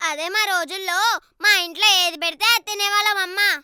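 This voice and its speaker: A woman's voice: very high-pitched, fairly even intonation, quick pace, dry recording, clean studio sound, heavily acted. A young girl playing a nagging, self-pitying old grandmother in a comedy skit, wailing and scolding. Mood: complaining. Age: child. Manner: wailing "ayyo ayyo", sharp scolding.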